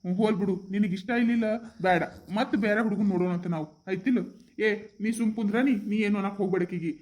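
A performer voicing a calm, kindly village father who sides with his daughter, in a North Karnataka Kannada accent. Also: medium pitch, rapid-fire, voice pushed down, natural voice. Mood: soothing. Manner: soothing, reasonable. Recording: roomy echo.

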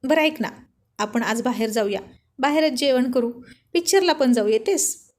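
A woman voicing a light-hearted, easygoing young man in a storybook, in a high voice. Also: animated, normal speed, darkish tone, natural voice.

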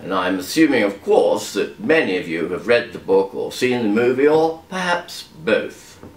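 A man's voice: fairly low pitch, big pitch swings, normal speed. Guy reading quiz questions, voice goes up and down a lot, kinda roomy sound, dry little jokes in between. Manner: chatty, wry asides between questions. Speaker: quiz host. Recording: echoey room.

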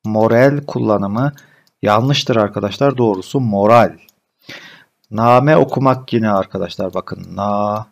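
A man teaching a spelling lesson, briskly correcting common misspellings word by word. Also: lowish voice, gravelly. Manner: addresses students as friends, brisk corrective explanations.

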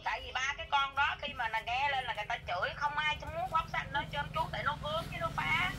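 A woman's voice: high voice, fast talker, very noisy. A woman, talking eagerly and effusively, often repeating herself. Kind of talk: casual conversation.

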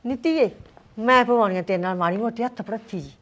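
A woman's voice: a little high, fairly quick, natural voice. A woman as a fretful, sighing mother-in-law. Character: older village mother-in-law, fretful and kindly. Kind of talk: short film acting.

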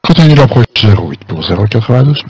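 A man's voice: mid-range voice, very animated, fast, darkish tone, breathy edge, no echo, poor audio. A man speaking as an airline pilot, making polite procedural readbacks to air traffic control. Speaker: airline pilot in online flight simulation.

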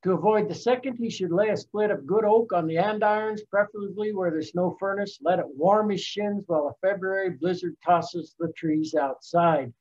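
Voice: mid-range voice, moderate pace, few pauses, darkish tone, muffled recording. A presenter giving a reflective spoken talk in a lecture series, thoughtful and musing, reading quotations aloud.

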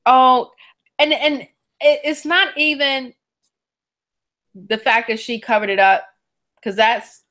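A woman's voice: fairly high pitch, slow, long pauses. A woman co-hosting a podcast, chatting casually and backing her partner with frequent agreement. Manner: relaxed, backchannels with frequent mm-hmms. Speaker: podcast co-host. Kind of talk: casual chat.

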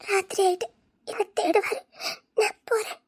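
A woman's voice: very high voice, fairly even intonation, normal speed, a little mellow. A woman voicing a young woman who tearfully and earnestly refuses a friend's love in an audio drama.

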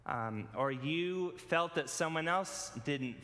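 A man preaching in a church sanctuary, his voice bright and slightly high for a man. He tells a personal story in a relaxed, conversational way, with plenty of ums and uhs. A long hall reverb trails behind each phrase. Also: slow pace. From California. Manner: relaxed, conversational, many fillers. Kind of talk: casual sermon with personal story.

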